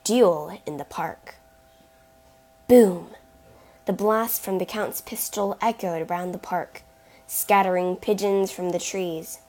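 A woman narrating a chapter book in a slow, deliberate reading voice. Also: mid-range voice, a little mellow. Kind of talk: storybook narration.

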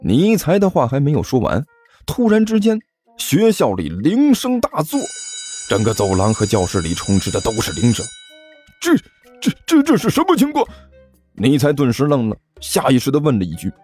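A man narrating a comic storybook, voicing characters with lively shouts. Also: mid-range voice, normal speed, breathy edge, faint music behind. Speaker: audiobook narrator.

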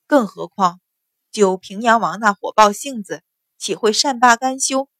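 A cautious male household steward speaks in a low, careful way as he advises his mistress, voiced by a woman narrator in an audiobook. The pitch stays ordinary and the recording is dry. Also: a little slow, fairly bright tone, dry recording, natural voice. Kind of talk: audiobook novel reading.

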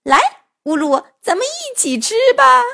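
Happy hospitable storybook wolf, high-pitched and sunny, as a woman puts him on. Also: very animated, a little slow, creaky, pushed and bright, heavily acted. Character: cheerful male wolf who cooks.

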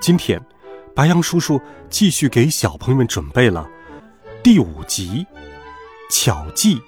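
A man narrating a bedtime story for children with a lively, expressive reading. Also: medium pitch, a little slow, soft background music.

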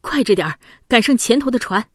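A woman's voice: fairly high pitch, lively intonation, brisk, a little mellow, no echo, clean studio sound, pitched above the performer's own voice. A woman voicing a loyal young prince, an elder brother who pleads and cries out in grief, in a storybook reading. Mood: urgent.

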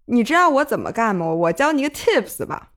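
A woman's voice: fairly high pitch, sing-song, fairly quick. Upbeat woman giving confident advice. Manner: confident advice-giving, drops English words into her speech. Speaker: podcast co-host. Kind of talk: casual chat.

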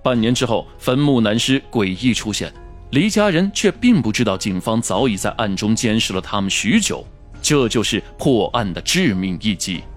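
A man's voice: lowish voice, sing-song, moderate pace, faint music behind. A man narrating a scripted true crime story in the dramatic manner of a storyteller.

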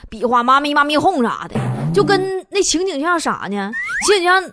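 High-pitched with big pitch swings and a moderate pace, this comedy show host speaks with a Northeastern Mandarin accent against a noisy background. Hailing from Northeast China, she tells stories playfully in her comic monologue and laughs often.

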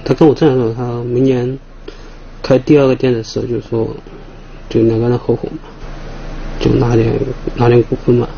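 A man's voice: medium pitch, little pitch movement, moderate pace, vocal fry, long pauses, dark tone. A man answering questions as a suspect, in plain, repetitive, unscripted phrases. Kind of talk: spontaneous answers under questioning. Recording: dull sound with faint music.

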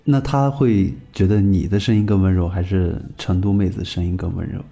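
A man's voice: deep voice, fairly even intonation, fairly quick, gravelly, warm tone. A man co-hosting a podcast, asking the guests questions and cracking dry jokes. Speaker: podcast co-host. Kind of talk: casual chat.

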